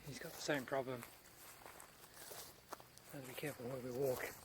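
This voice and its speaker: A man giving a casual, unscripted garden tour outdoors, speaking in short phrases with pauses between them. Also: medium pitch, fairly even intonation. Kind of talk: casual rambling vlog narration. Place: outdoors in a large rural garden. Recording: noisy outdoor recording with nature sounds.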